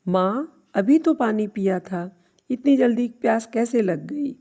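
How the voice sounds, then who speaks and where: A woman voicing a quick-tempered grown son who complains irritably in a storybook tale. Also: on the high side, animated, warm tone. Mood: irritated.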